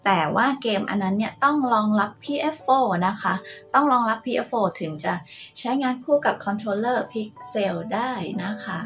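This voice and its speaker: A woman chatting politely and casually through a game controller unboxing and review, softening nearly every phrase with polite particles. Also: high-pitched.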